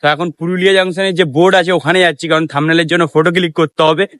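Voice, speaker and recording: A man's voice: on the high side, fairly even intonation, very fast, no room sound. A young man from West Bengal, chatting casually as a travel vlogger at a train station and on a train, filmed on a handheld camera and often asking "right?". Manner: chatty, keeps asking "ঠিক আছে?", talks softly when alone.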